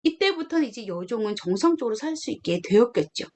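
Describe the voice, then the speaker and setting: A young woman gives a children's sermon in a high voice. Her pitch swoops up and down as she tells the story, asks the children questions and acts out the people in it. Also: very animated, fast talker, darkish tone. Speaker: children's ministry preacher.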